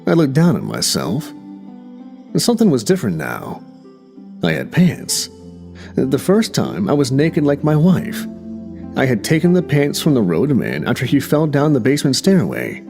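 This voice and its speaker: A man's voice: medium pitch, wildly swooping pitch, moderate pace, gravelly, a little mellow. A man narrating a first-person horror story in a tense, dramatic way. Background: music.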